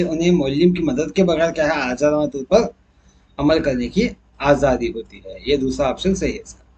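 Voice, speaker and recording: Male teacher, husky and slightly high voice, talks through an exam answer key step by step. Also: a little mellow. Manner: explains step by step, asks and answers his own questions.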